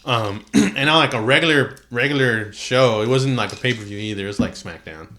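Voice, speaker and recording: Bright-voiced man in casual podcast chat. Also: mid-range voice, fairly quick. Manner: slangy, peppered with "dude" and "like". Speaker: podcast host. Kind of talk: casual chat about wrestling.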